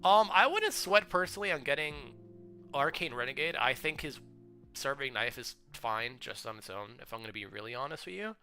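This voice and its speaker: Young man, streamer, animated swooping delivery, crisp bright tone, filler-heavy casual chat, soft music underneath. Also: mid-range voice. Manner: chatty, filler-heavy, breaks into excited outbursts and laughter. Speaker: streamer reviewing viewers' game builds. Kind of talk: casual livestream commentary. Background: faint background music.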